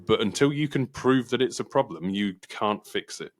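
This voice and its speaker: An English man hosting a casual podcast, talking in an animated, argumentative way and acting out quoted voices. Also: mid-range voice, moderate pace. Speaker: podcast host.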